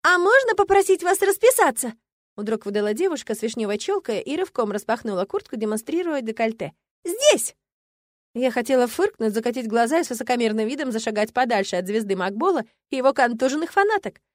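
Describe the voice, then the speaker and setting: A woman narrating a first-person audiobook with lively storytelling. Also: a little high, fast, hardly any pauses, no echo, studio quality. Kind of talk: scripted narration.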